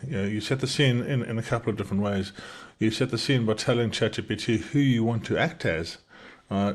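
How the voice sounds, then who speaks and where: In this casual screen-share tutorial, a middle-aged entrepreneur shows off some software in an accent that is South African but softened by decades of living in the UK. His medium-pitched speech is quick and full of fillers and restarts, and his webcam sits in a small circle over the recording.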